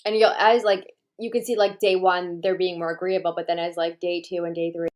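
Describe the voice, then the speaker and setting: A woman's voice: on the low side, flat delivery, a little fast, a little mellow. A woman hosting a livestream, chatting casually and rambling with lots of "like". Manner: rambling, heavy use of "like". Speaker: livestream host.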